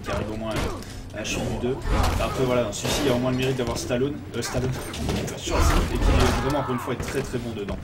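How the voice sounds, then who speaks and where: A man's voice: mid-range voice, fairly even intonation, fast. A man giving casual gameplay commentary, swearing and mocking himself, mixing in English phrases. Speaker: game streamer. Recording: voice far from mic, game music behind. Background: game music.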